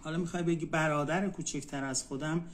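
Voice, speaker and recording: Brief: male tutor, slightly high voice, drills vocabulary with slow repeats, patient one-on-one lesson. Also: steady tone, a little hiss or hum. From Iran. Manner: repeats words slowly, spells them out for a student. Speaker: Turkish language tutor.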